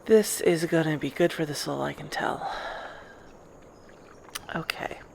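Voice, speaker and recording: A woman's voice: sits low, measured pace, creaky, a little mellow, slight background noise. A woman doing in-character roleplay narration over gameplay, chatty and rambling as she wonders aloud. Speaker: roleplay gamer.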